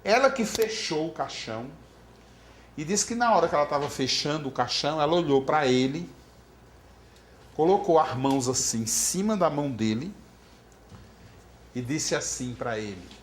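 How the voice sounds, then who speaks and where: A man's voice: fairly high pitch, normal speed, pauses often. A man from Brazil teaching about floral remedies in a storytelling lecture, acting out the voices of the people in his story. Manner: animated, acts out quoted voices. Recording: echoey room with faint background noise.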